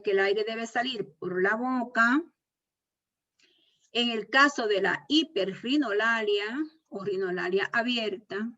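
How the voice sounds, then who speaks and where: Captured on a muffled, low-fidelity recording, a lecturer with a high, sharp-toned voice teaches a university class about speech disorders. She moves through the material step by step, going back over key ideas and making sure her students are following.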